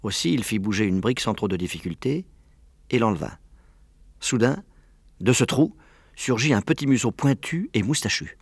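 A man narrating a children's story aloud in a clear, measured way. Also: fairly low pitch, lively intonation, dry recording, studio quality. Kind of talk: audiobook narration.

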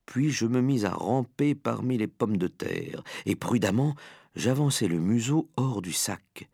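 A man reading a children's story aloud with dramatic, expressive first-person narration. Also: mid-range voice, a little slow, creaky, slightly rough, no room sound, studio quality. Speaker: audiobook reader.

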